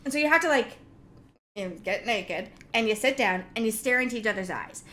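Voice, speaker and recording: Midlife woman co-host with a high, sharp voice, self-deprecating and candid. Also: expressive, brisk, a little hiss or hum. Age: middle-aged. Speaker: podcast co-host. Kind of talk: casual chat. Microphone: studio microphone.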